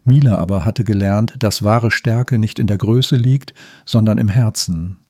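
A man narrating a children's story in a calm, measured reading voice. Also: on the low side, no echo, clean studio sound.

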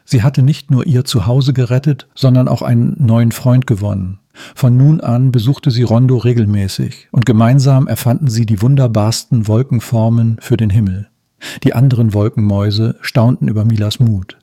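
Mellow-voiced man reading a bedtime story. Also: medium pitch, no echo, studio quality. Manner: calm, measured reading. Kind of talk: children's bedtime story narration.

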